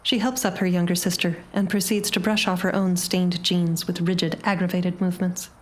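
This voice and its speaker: Low-voiced woman narrating a story. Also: level tone. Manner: measured, dramatic storytelling. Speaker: audiobook narrator. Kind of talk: scripted short-story narration.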